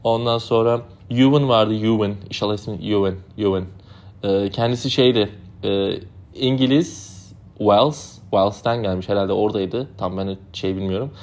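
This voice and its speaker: Speaking at a moderate pace in a fairly low voice, a young podcast host whose first language is Turkish chats about his summer as a camp counselor. The story is casual and rambling, peppered with fillers.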